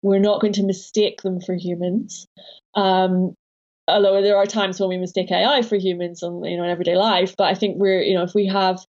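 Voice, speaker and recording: A woman guest speaks in a mellow, soft-edged voice, weighing each point with earnest care and frequent restarts. The sound is slightly dull and lo-fi. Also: medium pitch, little pitch movement, a little fast. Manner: thoughtful, earnest, self-correcting. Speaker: guest author. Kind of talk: podcast conversation.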